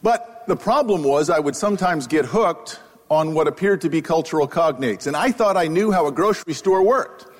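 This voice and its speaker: A man's voice: a little high, lively intonation, moderate pace. Wry storytelling man in a reverberant hall. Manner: wry, self-deprecating anecdotal delivery. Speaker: economist giving a public talk. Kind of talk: humorous storytelling lecture. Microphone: wearing a microphone. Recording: live talk with long hall reverb.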